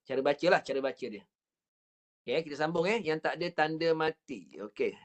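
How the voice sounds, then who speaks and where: With lively intonation and a somewhat high voice, a Malaysian Malay-accented Quran teacher leads recitation practice online through a computer mic on a video call. Patient and methodical, he counts repetitions and stretches each word out very slowly as he models it.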